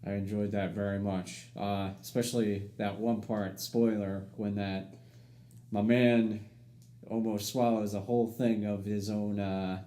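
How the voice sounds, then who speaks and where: A man's voice: fairly low pitch, little pitch movement, measured pace, mellow. A man co-hosting a podcast, chatting casually about movies and agreeing a lot. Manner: easygoing, frequent "yeah, yeah" agreement. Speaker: podcast co-host.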